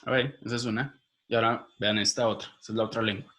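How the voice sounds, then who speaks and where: A man's voice: fairly low pitch, steady tone, fast, sharp tone. A man giving a video lecture as a linguistics teacher, explaining step by step and quizzing his viewers directly.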